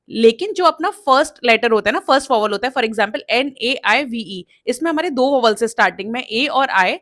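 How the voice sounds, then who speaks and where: A woman explaining English pronunciation, repeating words slowly to drill them. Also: on the high side, fairly bright tone. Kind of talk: explanatory lesson.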